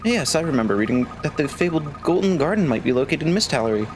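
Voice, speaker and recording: A man voicing an eager, cheerful young woman assistant from a video game, talking in a chirpy, excitable way. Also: fairly high pitch, fast talker, background noise, close to an everyday voice.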